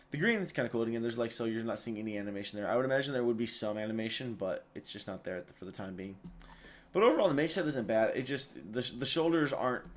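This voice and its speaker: A tired man talks through a casual video commentary. He rambles and keeps doubling back, with lots of fillers and restarted sentences. His pitch sits in an ordinary middle range for a man. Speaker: video host.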